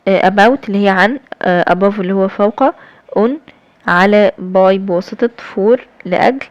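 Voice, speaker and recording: A woman's voice: mid-range voice, moderate pace, no room sound, muffled recording. A young woman with an Egyptian Arabic accent, explaining English grammar step by step in a recorded lesson, with many fillers and check-ins. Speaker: English teacher.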